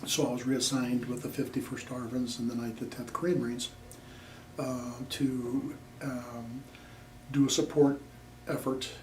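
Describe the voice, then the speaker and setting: An older veteran from Nebraska, USA, delivers his oral history interview flatly, at a measured pace, in a mid-range voice. His speech is plainspoken and rambling with frequent fillers, recorded in an echoey room with a distant mic and faint noise.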